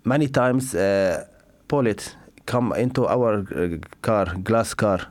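Halting Syrian man, lowish voice. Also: dry recording. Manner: halting non-native English with frequent fillers and restarts. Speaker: interviewee, father. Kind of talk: personal testimony.

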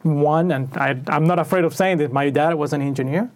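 Here a Venezuelan interview guest who works as a packaging engineer talks in a slightly high voice at a somewhat fast clip. He answers thoughtfully and conversationally, with many fillers and frequent sentence restarts.

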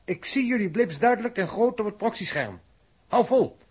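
An actor playing a steady, logical male radio operator in a radio drama, calm and dry in manner. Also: high-pitched, normal speed, breathy edge. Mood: reassuring. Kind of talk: vintage radio drama acting.

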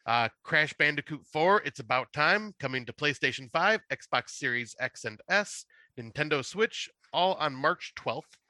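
Bright, tense-voiced man listing game releases. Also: on the high side, expressive, a little slow, no echo. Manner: runs through a list of game releases, casual and chatty. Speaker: podcast co-host. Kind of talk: casual podcast chat.

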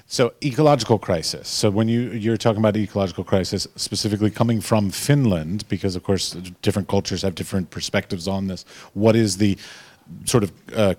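A man's voice: low voice, a little mellow, no echo. An American man with an American accent, informally hosting a live panel discussion as moderator. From United States. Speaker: panel moderator, podcast host.

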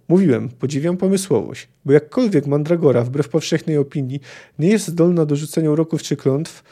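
A calm, learned alchemist explains things in refined, precise wording, read aloud by a man. The voice sits a little high, with a soft, dark tone. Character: urbane learned male alchemist.

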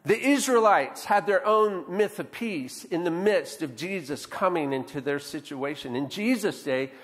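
Sitting high and echoing in a large hall, a man's voice delivers a sermon as pastor. He keeps it conversational, frequently tossing in "right?" to engage the congregation.

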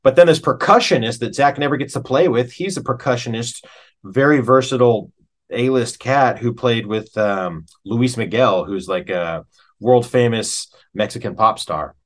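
A middle-aged American man appears as an interview guest, casually telling stories the way a working musician would. His medium-pitched voice pauses now and then and leans on key words.

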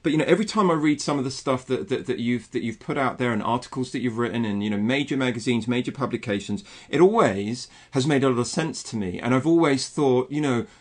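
A man interviewing a guest, asking long questions with many halting restarts and fillers. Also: medium pitch.

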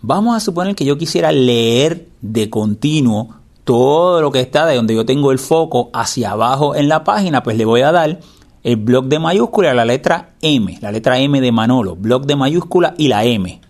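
A man with a medium-pitched voice gives a hands-on software lesson. He explains step by step in a patient instructor's manner, repeating the important parts. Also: expressive, moderate pace. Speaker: instructor demonstrating a screen reader. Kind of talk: spoken step-by-step tutorial.

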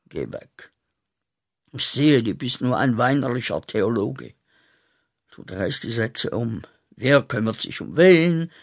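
In a radio play, an actor with a medium-pitched voice portrays a bitter young man back from the war who accuses God. His delivery swings between muttering and shouting.

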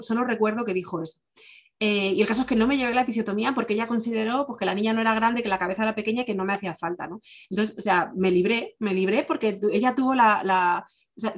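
A woman recounting her own birth story in a quick, chatty monologue. She stumbles into restarts and fillers, then slips into the voices of the people she quotes. She talks at a brisk clip in an ordinary mid-range voice. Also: mid-range voice. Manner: fast, chatty, many fillers and restarts, acts out quoted dialogue. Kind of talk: personal storytelling, casual monologue.

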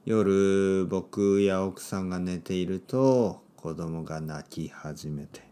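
A man hosting a podcast for Japanese learners, speaking simply with lots of repetition and a playful, expressive delivery. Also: takes it slowly. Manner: clear, simple phrasing for learners with repeated words; expressive and playful, with sudden pitch jumps. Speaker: podcast host and Japanese teacher.

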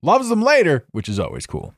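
Talking a little fast, this podcast host delivers an improvised solo monologue from his home studio, reflective and rambling with frequent restarts. His pitch is fairly high and swoops wildly, and the studio-mic recording is dry.

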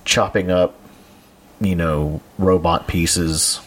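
A man's voice: low voice, slow. A man co-hosting a podcast, chatting casually and rambling a little about comics, chuckling now and then. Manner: relaxed, rambling, chuckles often. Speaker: podcast co-host.

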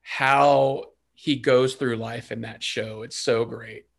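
A man's voice: mid-range voice, steady tone, slow, creaky. Enthusiastic man in casual chat. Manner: enthusiastic, rambling. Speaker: co-host.

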